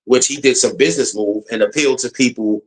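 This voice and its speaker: A man's voice: mid-range voice, fast. Man, American accent, casual opinion rant, blunt, repetitive, emphatic. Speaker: political commentator.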